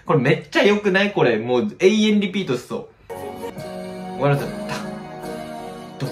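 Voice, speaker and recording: Excitable man gushing over vocals, roomy echo. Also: sits high, a little fast, music in the background. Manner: excitable, gushing, hums and sings short snippets. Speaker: vocal coach reacting to a song. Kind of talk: casual vocal analysis reaction. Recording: roomy echo with song playing faintly.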